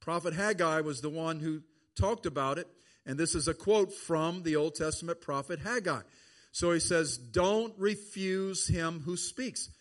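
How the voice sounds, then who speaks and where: A man's voice: on the high side, unhurried. A man preaching a sermon, stretching words out for emphasis.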